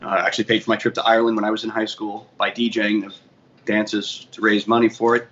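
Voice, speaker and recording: Low-ish, level and a bit bright, his voice moves fast as he lays out his career history. He's a guest in a casual interview, a DJ and bar manager with a Boston accent from the Boston area, USA. His storytelling rambles, with frequent self-corrections. The audio is muffled with faint background noise.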